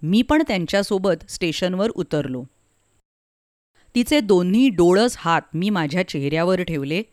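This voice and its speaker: A woman narrating a story in a measured, emotive reading. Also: fairly low pitch, animated, a little mellow, no echo, studio quality.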